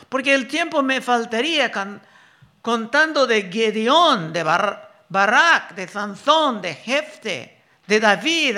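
A man preaching a sermon, reading Bible verses slowly and deliberately and explaining them. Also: very high voice, pushed and bright.

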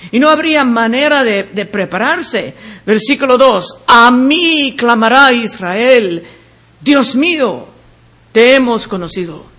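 A man teaching the Bible verse by verse. He reads each passage aloud and then explains it in a deliberate way. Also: very high voice, fairly bright tone.

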